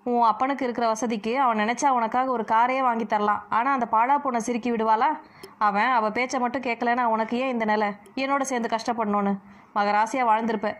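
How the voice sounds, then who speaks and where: A doting old grandmother from an audio novel, heavy with grief and quick to turn bitter, read by a woman in her own fairly high voice. She speaks plainly, in a storybook reading manner, with no crafted elderly rasp. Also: fairly even intonation, lightly acted. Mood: grieving.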